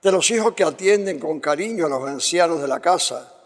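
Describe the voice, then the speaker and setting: A man, a priest leading Mass prayers in a measured, solemn way, heard through a long cathedral-like reverb. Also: on the high side, animated. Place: large church. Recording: voice in a long, echoing church reverb.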